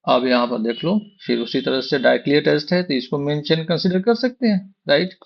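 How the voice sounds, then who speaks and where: A man's voice: fairly high pitch, brisk, gravelly. A man teaching a chemistry lesson, often putting questions to the class and answering them himself while repeating the key terms. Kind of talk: explaining a lesson. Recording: dull lo-fi recording.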